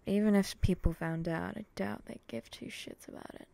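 A woman playing a brooding, vengeful samurai in a whispered role-play, speaking in a breathy, terse, deadpan way. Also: mid-range voice, normal speed, natural voice. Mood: probing, cool. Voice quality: breathy, often dropping to a whisper.

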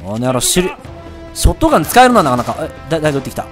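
A man commentating his own gameplay, excitable, yelping and swearing at enemies. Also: fairly high pitch, rapid-fire. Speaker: let's-play gamer. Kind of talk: live game commentary. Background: game audio and music.

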